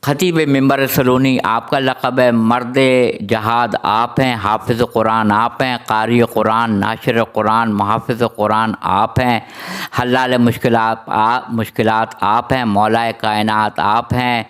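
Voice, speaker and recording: A man delivering a religious sermon, reciting long lists of titles in a steady rhythm and explaining Arabic terms to his listeners. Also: mid-range voice, clear, resonant tone. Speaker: religious speaker.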